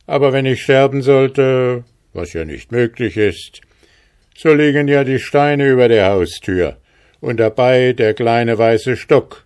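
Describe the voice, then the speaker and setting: A man voicing a self-assured old man in a fairy tale reading, speaking slowly and boastfully. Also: medium pitch, animated, darkish tone, clear, resonant tone, voice pushed up. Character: old man who cannot die, smug.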